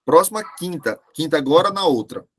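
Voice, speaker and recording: A man, teaching a language class over a video call, speaking slowly and deliberately and repeating key words for his students. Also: a little high, expressive, fairly bright tone, slightly rough. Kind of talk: online class lecture.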